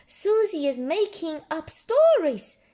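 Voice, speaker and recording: A woman's voice: very high voice, very animated, slow pace, dark tone, pitched above the performer's own voice, heavily acted. A woman voicing a curious, insistent young girl pig from a children's storybook, with emphatic questioning delivery.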